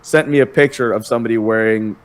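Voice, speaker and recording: A man's voice: medium pitch, steady tone, fast. A young man as a podcast guest, chatting casually and telling laid-back stories, with the odd swear word. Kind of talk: casual chat.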